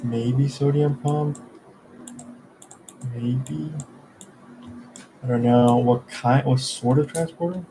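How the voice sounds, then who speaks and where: This student, studying for an exam, mutters self-quizzing questions and trails off when unsure as he thinks aloud. His medium-pitched voice stays steady and slow, broken by long pauses, with a noisy background.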